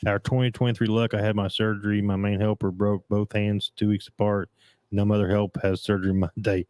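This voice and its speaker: Brisk and darkish in tone, the man's low voice shows little pitch movement as he hosts a casual podcast chat on dirt track racing. His voice is becoming scratchy, and he rambles and restarts often while reading comments aloud, with no room sound.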